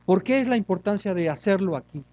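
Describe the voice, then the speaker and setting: A man pastor preaching a sermon, lively and full of rhetorical questions and self-mocking humor. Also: sits high, fast talker, no echo, poor audio.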